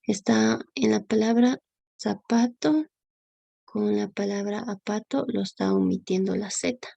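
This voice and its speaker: Young woman student presenter, slow and hesitant, gravelly and husky, many fillers. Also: medium pitch, dark tone, no echo, dull audio. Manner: halting, many fillers and restarts. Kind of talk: class presentation.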